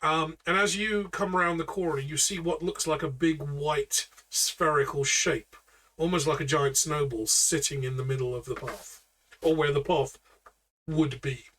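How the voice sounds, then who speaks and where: A man narrating a tabletop game as its game master, in a chatty, unpolished way full of fillers and restarts. His voice is bright and forceful, sitting a little higher than most men's. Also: fairly even intonation, moderate pace, far from the mic, slight background noise. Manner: chatty, with frequent fillers and self-corrections.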